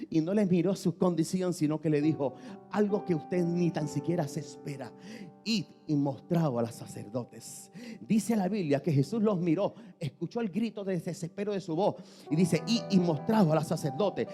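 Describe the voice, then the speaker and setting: A man preaching a sermon to his congregation, swinging from shouts to near-whispers and speaking to listeners by name. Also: high voice. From Puerto Rico. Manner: impassioned preaching, swinging between shouting and hushed tones; addresses the congregation directly, names listeners. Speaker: pastor. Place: church.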